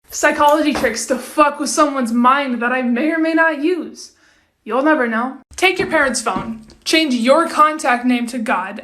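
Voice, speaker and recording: A young woman sharing quick facts to camera in a chatty, blunt way that swears freely. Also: sits high. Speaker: TikTok fact sharer. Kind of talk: casual talk-to-camera facts.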